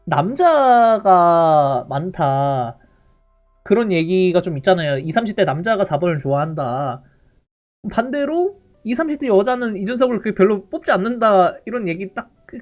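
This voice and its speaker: Young man, live-stream chat, lively swinging pitch, rambling, hesitant, laughs a lot.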